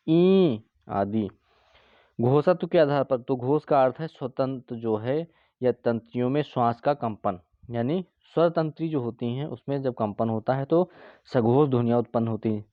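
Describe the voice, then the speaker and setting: A man teaches a grammar lesson for exam preparation, pausing often to sound out letters slowly. His voice sits at an ordinary pitch, recorded close and dry with slightly muffled, lo-fi audio. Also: dry recording. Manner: explains step by step, sounding out each letter slowly; drawn-out demonstration sounds with frequent fillers. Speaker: Hindi teacher.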